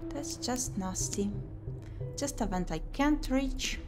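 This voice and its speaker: A woman streams a visual novel playthrough, reading the game text aloud expressively and muttering brief asides to herself. Her voice is on the high side, slow and lively in intonation, with music playing behind her.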